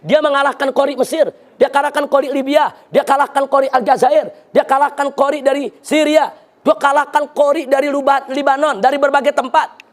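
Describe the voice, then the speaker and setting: A man's voice: very high voice, flat delivery, brisk. A man preaching a sermon in an emphatic, rhetorical manner, often turning to address his listeners directly.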